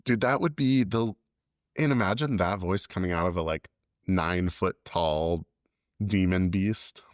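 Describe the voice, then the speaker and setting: A man's voice: sits low, a little slow, dry recording, clean studio sound. A man co-hosting a book podcast, chatting casually and laughing easily. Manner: laughs easily, loose and joking. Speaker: podcast co-host. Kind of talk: casual chat.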